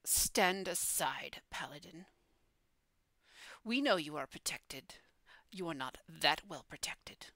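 Woman doing a whispered role-play demon boss, slow, gravelly, cold and bossy, dry sound. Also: low-pitched, expressive, fairly bright tone, no echo, heavily acted. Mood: menacing. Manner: threatening, clipped, slow. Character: menacing male demon lord, cold and commanding.

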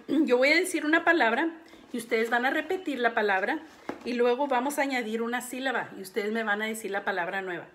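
Slow, deliberate woman teaching phonics. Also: a little high, fairly bright tone. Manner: slow, deliberate, syllable-by-syllable delivery; clears throat often. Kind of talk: phonics lesson for young children.

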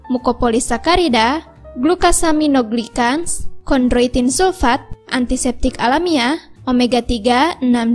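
A woman reading a scripted product advertisement in an even, upbeat sales voice, slowing down to read out numbers. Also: high-pitched. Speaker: ad narrator.

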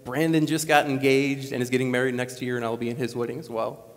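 A Wisconsin man in his late twenties talks quickly in a mid-range voice, giving an earnest, conversational commencement speech with animated gestures. He's on stage in a large school gymnasium, picked up by a lapel mic, and the gym adds a long reverb.

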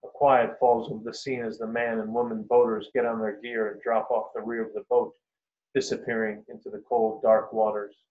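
A man, the author, reading his own first-person story in a measured, unhurried way. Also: on the low side, level tone. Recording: roomy, dull lo-fi recording.

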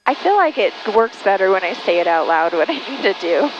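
A woman's voice: medium pitch, very animated, fairly quick. A woman student pilot in a small plane cockpit, thinking aloud and checking each step during her flight lesson. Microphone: aviation headset. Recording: dull headset audio with faint engine noise.

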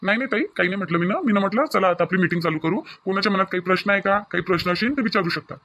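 A man's voice: sits high, very fast, bright, forceful tone, highs cut off, a little hiss or hum. A man voicing a businesslike loan officer in a village cartoon, explaining terms with a Varhadi Marathi accent.

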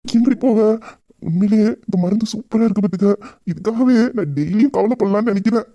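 A man's voice: sits high, mellow, no echo, lo-fi sound. A man with a Tamil accent playing a loving young husband who grieves his mother, talking intimately and heartfelt. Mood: teasing. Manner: intimate, heartfelt, rapid talk. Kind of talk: romantic audio drama.

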